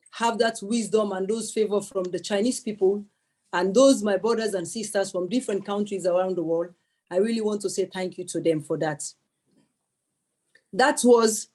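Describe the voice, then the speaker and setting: A woman's voice: mid-range voice, a little mellow. A young woman giving an earnest public speech at a celebration, emphatic, repeating her key words and thanking many people. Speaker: speaker at a celebration event.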